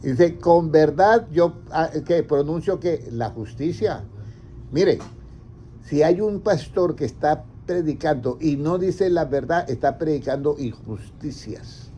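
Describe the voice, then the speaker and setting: A man's voice: a little high, animated, slow, mellow. A man, preaching as a pastor. He keeps asking his congregation questions and then answering them himself. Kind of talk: interactive sermon. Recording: slightly dull, faint background noise.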